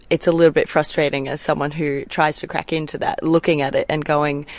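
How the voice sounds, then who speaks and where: A woman singer, speaking earnestly and candidly as an interview guest. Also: sits low. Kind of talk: casual interview.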